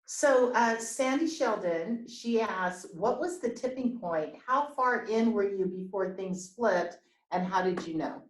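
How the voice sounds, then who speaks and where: A woman's voice: mid-range voice, expressive, measured pace, reverberant, a little hiss or hum, poor audio. A woman, a business coach, hosting an interview over a video call, explaining points and checking in with questions.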